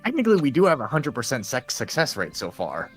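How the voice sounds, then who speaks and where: A man's voice: medium pitch, wildly swooping pitch, fast talker, faint music behind. A man playing in a tabletop roleplaying game, talking casually in character.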